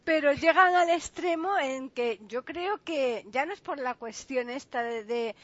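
A woman's voice: high voice, a little slow, a bit bright. A woman co-host chatting casually and hesitantly, with many fillers, on a dull lo-fi recording. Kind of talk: casual chat.

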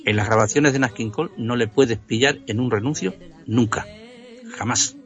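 Enthusiastic Spaniard on dull lo-fi radio. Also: male voice, medium pitch, normal speed, a bit bright. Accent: Spanish from Spain. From Extremadura, Spain. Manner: enthusiastic, explanatory. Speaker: music history contributor. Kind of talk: casual radio conversation. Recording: dull lo-fi sound.

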